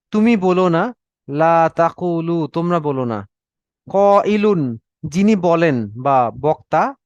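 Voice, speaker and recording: High-voiced man teaching Arabic verbs. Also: no room sound. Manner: drills Arabic verb forms with Bengali meanings, frequent "okay?"; mixes English words into Bengali. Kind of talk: online class lecture.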